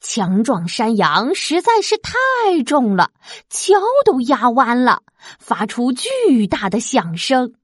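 A woman reading a children's storybook aloud, expressive and lively. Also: on the high side, husky, no echo, clean studio sound. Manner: slow, lively, expressive, sound effects.

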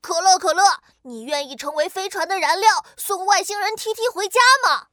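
A bright, very high little-girl voice, recorded dry and close. She is an eager young inventor in a children's audio story, curious and clever, speaking in singsong exclamations. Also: brisk, dry recording. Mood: coaxing.

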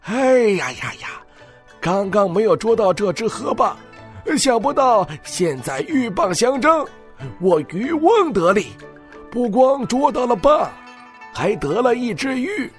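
A woman's voice: on the high side, big pitch swings, a little slow, soft background music, pitched below the performer's own voice. A woman voicing a jolly old fisherman in a children's story, exclaiming in delight. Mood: gleeful.

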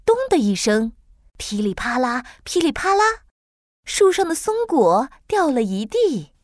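A woman narrating a children's story in an expressive, lilting way. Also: high voice, measured pace, no room sound, studio quality.

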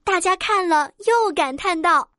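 Casting: woman storyteller for kids, high-ish voice, dry close mic, gentle and expressive. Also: a little slow, dry recording. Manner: gentle, clear and expressive, addressing children. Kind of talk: children's story narration.

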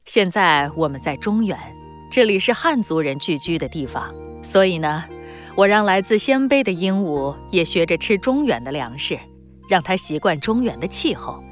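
Clever empress dowager played by a woman, lowish pitch, lively melody, composed, children's drama, soft music. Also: moderate pace. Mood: pleased, assured.

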